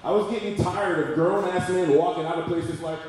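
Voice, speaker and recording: A rowdy male stand-up comic works the crowd with a profane set, his voice pitched a little high. It comes from a very echoey room, picked up from some distance, with clear room noise behind him. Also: steady tone, brisk, a little mellow. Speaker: stand-up comedian. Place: comedy club stage before a live audience. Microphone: handheld stage mic.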